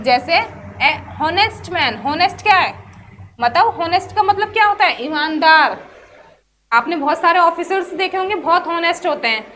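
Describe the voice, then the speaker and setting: A woman's voice: very high-pitched, fairly bright tone, slight background noise. A woman teaching English grammar in a chatty class lesson, often asking herself questions and answering them. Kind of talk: explanatory class lesson mixing Hindi and English.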